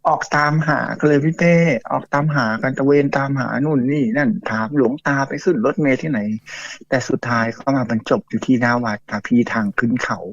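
A man's voice: medium pitch, brisk, dry recording. A man telling a ghost story to a host in a chatty, casual way, full of fillers and acted-out quotes. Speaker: guest storyteller. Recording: dull lo-fi dry audio.

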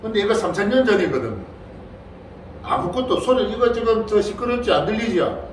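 A man's voice: high-pitched, lively intonation, fairly quick, a little hiss or hum. An older man, a Buddhist monk, gives a playful Dharma lecture to a congregation and keeps prompting his listeners with questions. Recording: very echoey hall, voice far from the mic.

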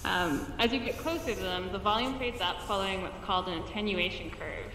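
A woman sound designer giving a presentation, explaining calmly with the occasional filler. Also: medium pitch, a little fast, slight background noise. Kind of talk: presentation talk. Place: virtual museum space. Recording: roomy reverberant space with faint ambience.

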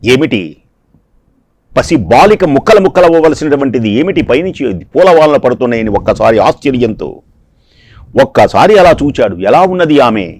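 A man's voice: medium pitch, sing-song, moderate pace, darkish tone, no echo. A man giving a devotional discourse, telling a scripture story dramatically and repeating phrases for emphasis. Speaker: discourse speaker.

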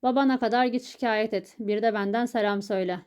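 A woman voicing a calm, smug male burglar in an audiobook, speaking in a matter-of-fact way. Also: fairly high pitch, fast, smooth, natural voice. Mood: nonchalant.

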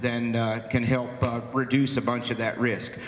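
A man's voice: medium pitch, level tone, moderate pace. A man giving a plainspoken presentation to cattle producers at a meeting, with lots of "uh" fillers. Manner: plainspoken, folksy, frequent "uh" fillers. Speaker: livestock auction market speaker. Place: meeting hall. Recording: roomy hall, long echo.

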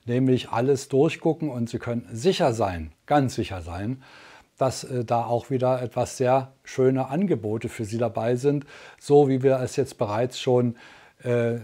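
Casting: man in his sixties, mid-pitched mellow voice, conversational infomercial host. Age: 60s. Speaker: teleshopping host. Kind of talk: infomercial-style sales presentation, unscripted and chatty. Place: indoor studio, standing at a product table.

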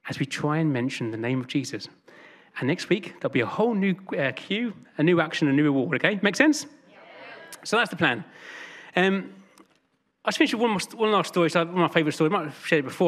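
A man preaching a sermon in church, telling stories in a lively, chatty way with jokes and quick asides. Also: a little high. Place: church hall with congregation.

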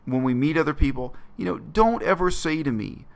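A man's voice: on the high side, animated, fairly quick, creaky. A man, talking earnestly and bluntly to his webcam in a small bedroom. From Canada. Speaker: vlogger. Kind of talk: reflective personal monologue to camera.

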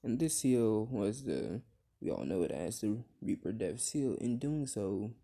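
Slow, dark-voiced young man rambling a story. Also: fairly low pitch, big pitch swings. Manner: rambling, many fillers and restarts. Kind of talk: improvised fan-fiction storytelling.

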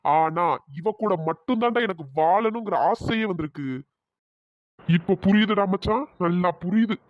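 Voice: mid-range voice, moderate pace, dry recording, close to an everyday voice. A performer doing a pushy young cartoon romeo. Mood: boastful. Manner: bossy and threatening, then pleading. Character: brash young man pushing a girl for her number. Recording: dull lo-fi voice track.

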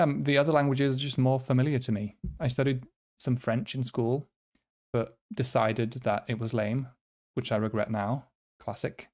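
Hosting a quiz, this man speaks informally to his audience, pausing and poking fun at himself as he reasons aloud. He is a native Swedish or Finnish speaker from Finland or somewhere nearby in the Nordic region. His mid-range voice has a somewhat dark quality.

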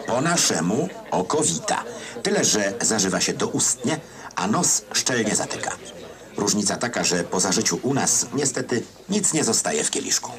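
A man's voice: lowish voice, sing-song, normal speed, a crowd in the background. A man reads scripted old newsreel narration in a wry, ironic manner. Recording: newsreel soundtrack with loud music behind. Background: music.

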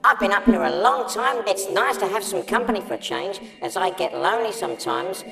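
A man's voice: sits high, animated, brisk, creaky, sharp tone, soft background music, pitched above the performer's own voice, exaggerated voice. A man voicing Cyrus, a bubbly, chatty and friendly satellite who has been alone in space a long time.

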